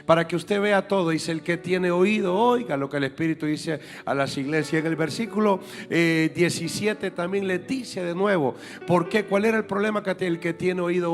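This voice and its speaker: A man's voice: high voice, big-room sound. A man preaching a sermon in church as an apostle, emphatic and repeating his key points to the congregation. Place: church sanctuary.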